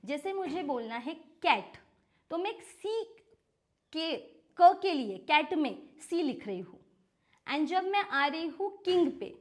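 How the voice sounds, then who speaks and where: An Indian woman who teaches phonics, explaining as a podcast guest in a mix of Hindi and English and slowly spelling out letters to make her point. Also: high voice, big pitch swings. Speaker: phonics educator and franchise owner.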